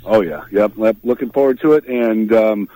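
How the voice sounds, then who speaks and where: Man, Minnesota accent, relaxed radio chat, lowish voice, dry sound. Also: moderate pace, no room sound, low-quality recording. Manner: easygoing, hesitant with fillers. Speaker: radio host on remote from ice fishing trip. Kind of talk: casual radio phone-in chat.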